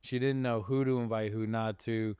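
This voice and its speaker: A middle-aged man hosting a podcast, telling a personal story in a casual, animated way and laughing often. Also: fairly low pitch, moderate pace, clear, resonant tone, no echo, studio quality. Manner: animated, laughs often, acts out quoted voices. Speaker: podcast host.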